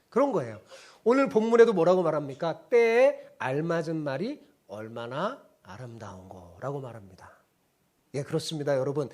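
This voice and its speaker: Guy pastor preaching, bouncy animated voice, keeps getting the crowd to say it back. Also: high voice. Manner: call-and-response with congregation; folksy storytelling. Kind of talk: sermon.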